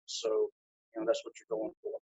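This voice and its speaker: Husky guy walking through flintknapping, practical, over a dull lo-fi phone line. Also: lowish voice, monotone, normal speed, dark tone. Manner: practical, demonstrating with hands as he talks. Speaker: flintknapping instructor. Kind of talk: live demonstration over a video call. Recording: lo-fi phone audio.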